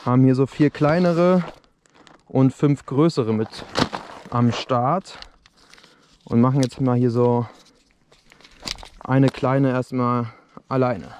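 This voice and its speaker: A man's voice: mid-range voice, fairly even intonation, takes it slowly, long pauses, noisy background. A young man talking casually to his viewers while reviewing fireworks outdoors at dusk, recorded on an action camera. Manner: chatty, addresses viewers directly. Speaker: fireworks video host. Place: outdoors on open dirt ground at dusk.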